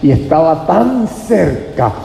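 A man's voice: a little high, very animated, slow pace, vocal fry, dark tone, a little hiss or hum. Fervent male preacher in an echoey hall. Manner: fervent, addressing listeners as brother. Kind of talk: sermon.

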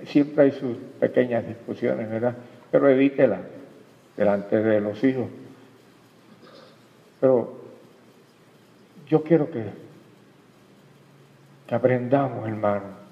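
A man with a mid-range voice and vocal fry preaches a sermon, repeatedly addressing the congregation directly with questions and calling them "hermano." The lo-fi recording carries a long hall reverb.

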